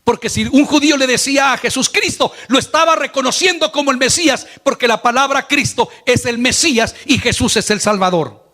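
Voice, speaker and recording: Man, pastor, sermon, high voice, earnest preaching. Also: sharp tone. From Latin America. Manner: earnest preaching, voice rising on quoted lines.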